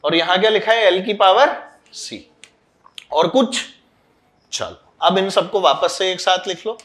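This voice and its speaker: A man's voice: sits high, a little slow. A man teaching a physics class, quizzing and scolding students as he mixes in English terms. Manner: loud, scolding and urging. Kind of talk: classroom lecture.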